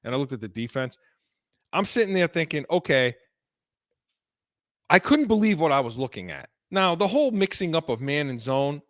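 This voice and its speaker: A man's voice: fairly high pitch, sing-song, normal speed, pauses often, a bit bright, dry recording, studio quality. A man co-hosting a sports podcast, talking heatedly about football and breaking off and restarting his sentences, his voice worn from illness. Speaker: podcast co-host.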